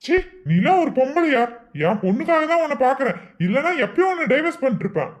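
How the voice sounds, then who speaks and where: A man's voice: very high voice, very animated, fast talker. A man playing a fed-up scolding husband. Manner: scolding, impatient. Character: exasperated husband, stern and embarrassed. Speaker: comic actor in a skit.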